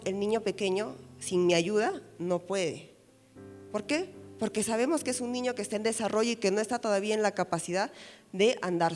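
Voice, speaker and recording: A woman's voice: mid-range voice, in a large hall. A woman pastor with a Peruvian Spanish accent giving a sermon on parenting, explaining patiently and often checking in with a questioning "right?". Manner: explanatory, asks "¿no?" after many phrases; acts out parents' words to children. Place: church.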